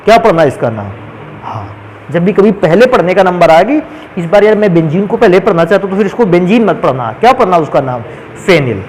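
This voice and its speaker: High-pitched male chemistry teacher, quizzing his class and answering himself, over faint background noise. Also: poor audio. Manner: asks questions and answers them himself. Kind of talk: classroom lecture.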